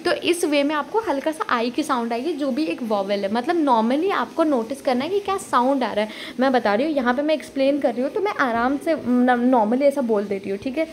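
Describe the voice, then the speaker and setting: A woman with a high voice explains poetry sound patterns as an exam tutor. Her talk is loose and chatty, full of repeated "okay"s, with English terms dropped into Hindi. A faint hiss of background noise sits under the voice. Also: animated, a little fast, few pauses. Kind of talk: casual explanatory lecture.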